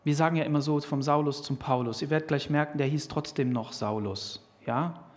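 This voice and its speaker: Man preaching a sermon, German accent, high voice, emphatic with many restarts. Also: brisk. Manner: animated, emphatic, with restarts and fillers.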